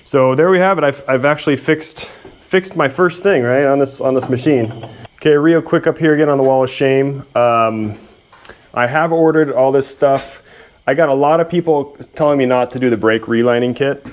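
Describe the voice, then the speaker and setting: In this hands-on repair video, a man chats casually about the machinery in front of him, often at his own expense, while working in a workshop. His voice sits at medium pitch and moves at a moderate pace.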